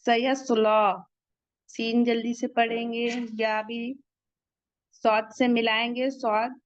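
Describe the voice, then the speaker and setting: A woman teaching the rules of Quran recitation, slowly sounding out each word and then explaining how to pronounce it. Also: fairly high pitch, dry recording, lo-fi sound. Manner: slow, deliberate, drawn-out recitation of each word.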